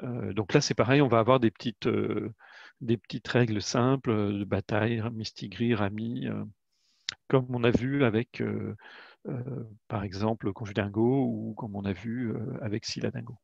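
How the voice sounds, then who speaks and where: A creator of educational games gives a hesitant webinar product presentation, full of "euh" fillers and restarts. His gravelly voice sits on the low side, steady in tone and moderately paced, in dry, echo-free, muffled lo-fi audio.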